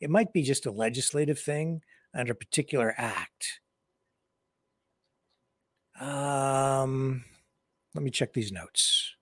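A man's voice: mid-range voice, takes it slowly, long pauses, no echo, studio quality. A man hosting an online news show, talking casually and sardonically to his viewers. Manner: chatty, sardonic, asides to viewers. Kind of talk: casual opinion commentary.

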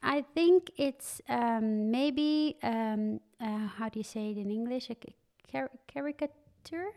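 A woman's voice: fairly high pitch, takes it slowly, a little mellow. A young woman from the Netherlands, a guest on a podcast, chatting casually and animatedly with frequent fillers and laughs. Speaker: guest, wine content creator. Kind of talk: casual interview chat.

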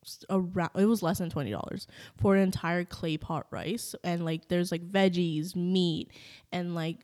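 A woman's voice: on the low side, normal speed, darkish tone. A young adult woman casually reviewing food as host while tasting, speaking informally and hesitantly with many "likes". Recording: echoey room with long reverb.

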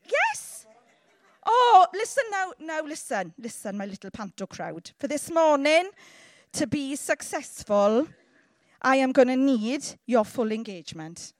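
A woman preacher from south Wales with a Welsh accent gives a lively, informal sermon, teasing her listeners and often checking in with short questions. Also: high voice, measured pace, no room sound. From Llanelli, south Wales.

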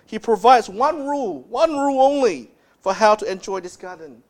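A man preaching a sermon as pastor, speaking emphatically and dropping low and soft to stress key words. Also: animated, normal speed.

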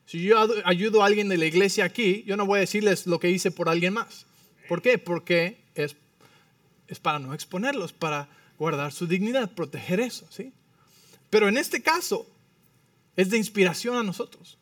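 A man in his thirties preaching a Spanish-language sermon as pastor, animated, often checking in with the congregation. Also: high voice, moderate pace, dry recording, far from the mic.

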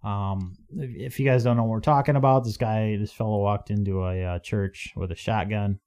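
A man's voice: on the low side, steady tone, normal speed, darkish tone, clear, resonant tone. A man hosting a casual podcast conversation in a blunt, informal manner. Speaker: podcast host. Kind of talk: casual chat.

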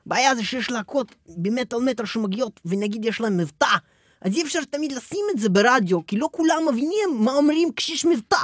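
A man's voice: extremely high pitch, animated, no room sound, studio quality. A man hosting a radio request show, bantering playfully and teasing with repeated words.

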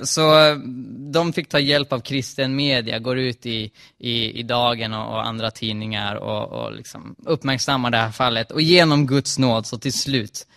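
Male preacher, storytelling testimony. Gravelly, bright tone, lots of "eh" fillers. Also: medium pitch, dry recording, clean studio sound. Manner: frequent "eh" fillers, animated retelling.

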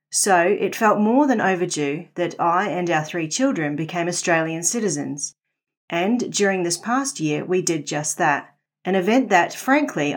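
Reading a scripted devotional on her podcast, this middle-aged New Zealand woman speaks with a lowish voice. She stays measured and earnest, easing her pace to let the important lines sink in.

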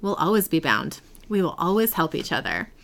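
A woman reading the lines of an ancient dark female entity, low and solemn, while recapping a show. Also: big pitch swings, brisk, gravelly, heavily acted.

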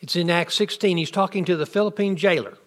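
High-voiced man teaching a bible class. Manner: rapid rhetorical questions, answering them himself. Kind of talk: interactive bible class lecture.

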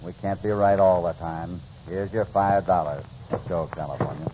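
An actor playing a shrewd, self-assured American cowboy hero, measured and commanding, in old-time radio western style. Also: male voice, low-pitched, mellow, slight background noise, natural voice, poor audio.

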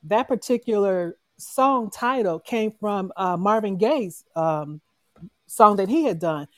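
A woman's voice: mid-range voice, animated, slow, no room sound. A woman speaking as a panel guest in a casual online audio room, making her case earnestly and growing impassioned. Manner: earnest, building into impassioned argument.

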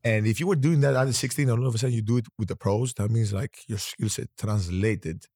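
His husky, lowish voice moves fast as this podcast host from Greece, in his thirties with a Greek accent, rambles relaxedly through his stories and keeps restarting during a casual interview. Clean studio sound, no room sound.

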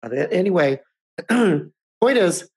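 Slow-paced and expressive, a man in his fifties with a high, breathy-edged voice co-hosts a casual podcast. He tends to ramble, often restarting and chuckling as he chats.

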